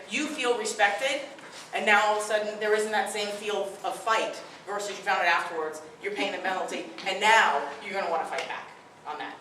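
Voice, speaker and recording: A middle-aged woman with a strong, mid-range voice addresses a live audience at a parenting workshop, her tone bright and forceful. She speaks firmly, directly and conversationally. The recording picks her up from a distance in an echoey room, with a little hiss or hum.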